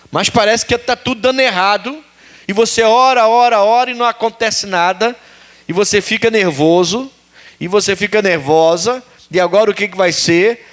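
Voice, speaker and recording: A man's voice: sits high, a bit bright. A man preaching a sermon as pastor, repeating phrases and putting questions to the congregation.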